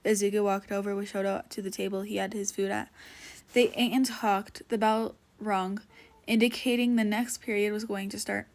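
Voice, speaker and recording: A woman's voice: medium pitch, steady tone, normal speed. A woman reading a fan story aloud in a casual, unpolished way with small slips. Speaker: reader.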